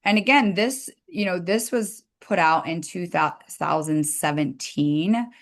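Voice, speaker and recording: A woman, a dental hygienist, giving a casual webinar lecture from her slides over a computer microphone, chatty and quick to apologize for slips. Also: lowish voice.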